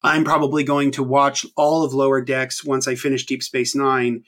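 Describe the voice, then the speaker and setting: A male host in his thirties chats loosely on a podcast, rambling with many ums and restarts. His mid-range voice stays level at a normal speed, sounding a bit bright.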